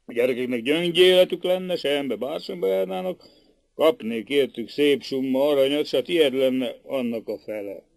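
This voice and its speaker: A man voicing a gruff, greedy middle-aged castle captain who speaks bluntly. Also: mid-range voice, darkish tone, no echo, close to an everyday voice. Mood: scheming.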